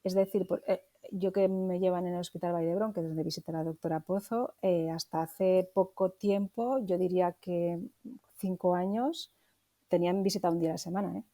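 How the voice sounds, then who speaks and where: Low mellow-voiced woman podcast co-host. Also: steady tone, moderate pace. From Barcelona, Spain. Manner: thoughtful, hesitant, rephrases often. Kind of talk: casual conversational podcast.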